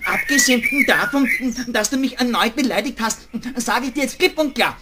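A man's voice: extremely high pitch, lively intonation, moderate pace, very noisy. A man voicing a naive, easily offended male lab rabbit with a Viennese accent. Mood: indignant.

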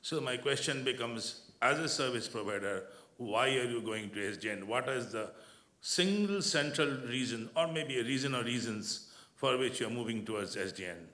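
A man's voice: medium pitch, animated, normal speed, sharp tone. A man in the audience of a large conference hall asking an earnest question, rephrasing as he goes. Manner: earnest, searching for words. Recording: roomy hall sound.

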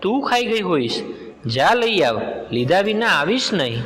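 Brief: male narrator doing cruel threatening sister-in-law, storybook, somewhat high. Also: sing-song, measured pace, a bit bright, big-room sound, soft background music, heavily acted, rough recording. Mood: harsh threatening. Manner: threatening, scolding.

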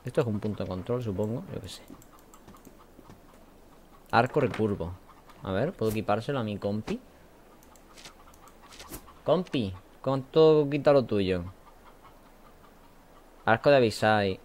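A man with a Spain Spanish accent giving casual let's-play commentary, chatty and mumbling his asides, with bursts of shouting. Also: lowish voice, lively intonation, a little slow, long pauses, a little hiss or hum. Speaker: gaming host.

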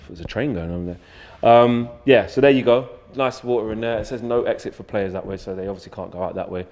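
A man's voice: fairly low pitch, fast talker, darkish tone, in a large hall. A man, hosting a joking walkthrough of a stadium dressing room, holding a handheld mic. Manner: chatty, joking tour guide. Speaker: fan channel host. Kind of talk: casual walkthrough vlog. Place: empty stadium dressing room and corridor, indoors.

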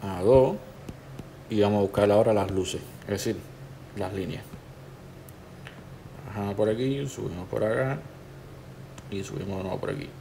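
Male tutor, lowish voice, relaxed step-by-step walkthrough. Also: moderate pace, creaky, long pauses, slight background noise. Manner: relaxed, instructive, talks the viewer through each step. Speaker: tattoo artist teaching a digital stencil technique.

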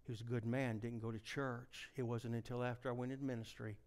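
A middle-aged man preaching a revival sermon, telling folksy stories and swinging from hushed near-whispers to shouted climaxes. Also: medium pitch, little pitch movement, fast.

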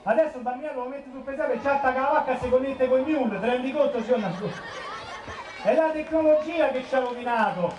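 This is a forties-aged comedian from Rome, doing live, rambling cabaret on a piazza stage outdoors. He talks fast in an extremely high pitch, chatty and stuffed with filler, in a Roman accent. Background noise, a crowd, and echo come through, with him sounding far away.

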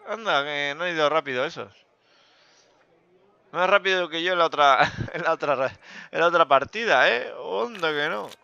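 A man giving joking, self-mocking commentary over a poker game, with bursts of loud excitement. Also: fairly high pitch, normal speed, gravelly, no echo, muffled recording. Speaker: gaming youtuber.

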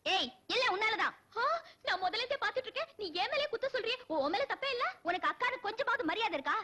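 Coaxing daughter-in-law, high-pitched, animated, quick. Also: female voice, heavily acted. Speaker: young married woman.

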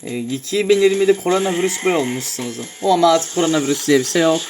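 A young man casually commenting on a fighting game as he plays, often shouting in surprise and swearing. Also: on the high side, very fast, noisy background. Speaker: gameplay streamer. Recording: music clearly heard behind.

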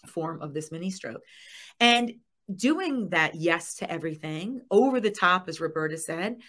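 A middle-aged woman giving a lively webinar presentation, reading out chat comments. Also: sits low. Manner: lively, reads chat comments aloud with laughs.

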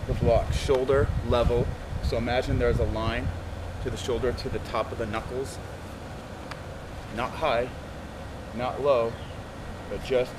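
A man's voice: mid-range voice, flat delivery, a little slow, pauses often. A middle-aged man speaking as a martial arts instructor, giving short step-by-step commands outdoors, recorded from a few metres away. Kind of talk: taekwondo lesson, demonstrating and instructing. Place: outdoors in a garden. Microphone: camera a few metres away. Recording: noisy outdoor audio from a distant camera.

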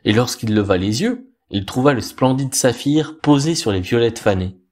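Un homme raconte une histoire merveilleuse, posément et avec expressivité, d'une voix ni grave ni aiguë. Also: male voice, medium pitch. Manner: calm, measured, expressive. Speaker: storyteller. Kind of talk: reading a fairy tale aloud.

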